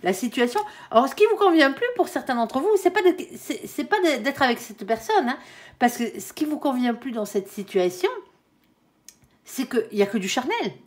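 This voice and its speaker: A woman's voice: high voice, sing-song, moderate pace. A woman giving a tarot reading to viewers, chatty and reassuring, with frequent "hein" tags and the odd stumble over her words. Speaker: tarot card reader.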